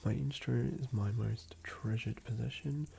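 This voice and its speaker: A man's voice: mid-range voice, steady tone, normal speed, gravelly, warm tone. A man with an Australian accent whispering in a musing, rambling ASMR style as he builds a game character. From southern Australia. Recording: noisy ambient background.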